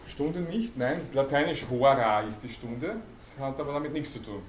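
A man's voice: medium pitch, moderate pace. A man giving a university lecture, explaining terms and quizzing students, with many hesitation sounds. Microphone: student recording from the audience. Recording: echoey hall, faint background noise.

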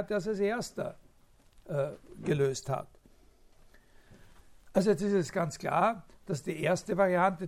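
A man's voice: high voice, gravelly, a little mellow. A man giving a spontaneous academic lecture, thinking aloud with many filler sounds, restarts and tag questions.

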